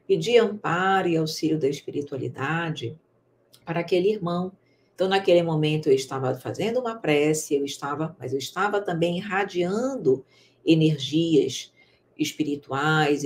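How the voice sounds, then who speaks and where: A woman teaches a recorded spiritist course lesson. Her voice sits on the low side, and her delivery is calm, measured and gently instructive. A faint hiss runs underneath.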